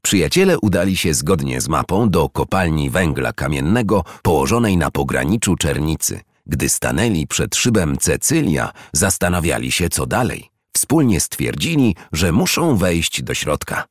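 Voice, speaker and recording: A man narrating a children's storybook in an expressive read-aloud manner. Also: extremely low pitch, normal speed, hardly any pauses, no room sound, studio quality.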